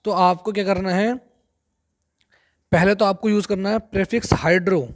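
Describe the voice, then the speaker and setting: A man teaching a chemistry lesson, explaining step by step, repeating key terms and reading English textbook lines slowly. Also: sits high, steady tone. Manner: addresses viewers as friends. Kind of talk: classroom lecture.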